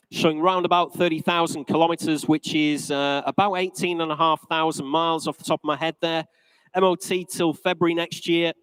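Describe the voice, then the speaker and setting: A man's voice: on the high side, a bit bright, clean tone, no echo, rough recording. A man working as an auctioneer, calling bids live in a polished, courteous, repetitive patter.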